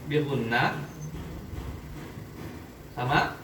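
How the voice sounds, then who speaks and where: With a medium-pitched, bright and forceful voice, a man draws out his words while teaching a Quran recitation class. He often checks his students' understanding by quizzing them. The sound is echoey and distant, with faint noise in the background.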